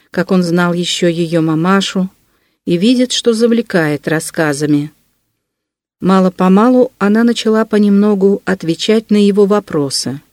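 An audiobook narrator giving a measured, expressive reading of a classic novel. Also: mid-range voice, dry recording.

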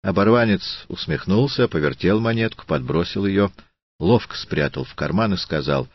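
Deep, husky male audiobook narrator. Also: animated, moderate pace, no echo, highs cut off.

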